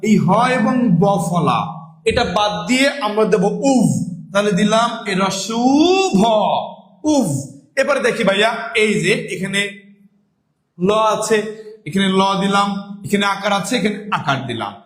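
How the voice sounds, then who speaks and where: High-voiced man teaching a live class. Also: fairly bright tone, echoey room. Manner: repetitive, asks and answers own questions; addresses viewers as brothers and sisters. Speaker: online exam-prep teacher. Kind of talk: live online grammar class.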